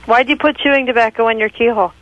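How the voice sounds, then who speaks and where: A woman's voice: on the high side, steady tone, fast, fairly bright tone, no echo. A woman on the receiving end of a phone call, talking in casual conversation. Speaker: person on the other end of a prank call. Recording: very noisy, clicking telephone line.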